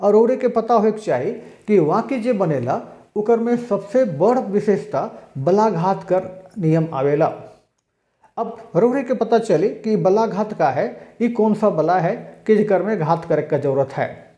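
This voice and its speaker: A man giving a recorded exam-prep language lecture, explaining slowly and acting out spoken examples. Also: high voice, animated, warm tone, reverberant. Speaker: language teacher.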